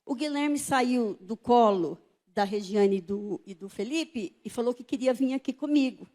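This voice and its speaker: A woman's voice: on the high side, measured pace, dark tone. An older woman giving an emotional church testimony, pleading and tearful as she retells conversations, speaking in a church.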